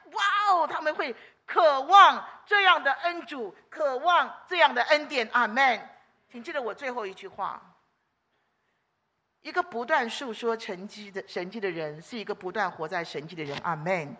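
Woman preacher, high and bright, lively storyteller with exclamations; sermon delivery.

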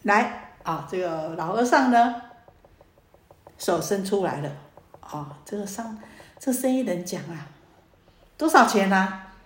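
A woman Buddhist dharma teacher giving a sermon, telling a story in a lively way with many fillers. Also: medium pitch, unhurried, pauses often. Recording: roomy echo, faint ambience.

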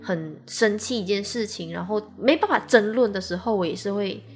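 A young woman with a Taiwanese Mandarin accent co-hosting a podcast in casual chat, calm and reflective. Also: medium pitch, moderate pace. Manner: calm and reflective, finishes the other's sentences. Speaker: podcast co-host.

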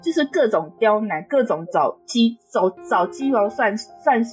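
A young woman co-hosting a podcast, telling workplace stories in an exasperated, animated casual chat. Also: a little high, unhurried, faint music behind. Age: young adult. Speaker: podcast co-host.

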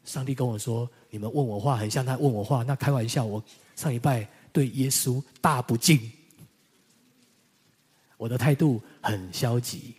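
A man pastor delivering a sermon, telling personal stories, moving between loud emphasis and quiet, reflective passages. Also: mid-range voice, moderate pace, slightly rough.

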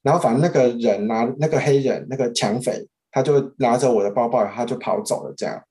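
This podcast guest is a young man who used to work as a French interpreter and speaks with a Taiwanese Mandarin accent. He talks fairly fast at a medium pitch with a dark tone, recounting a story in a loose, rambling way and often starting over.

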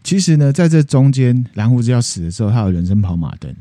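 A man's voice: medium pitch, fast, no room sound, studio quality. A man, hosting a podcast and retelling a fairy tale in a casual, playful way. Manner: animated, playful retelling with acted voices. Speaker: podcast host. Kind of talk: casual storytelling chat.

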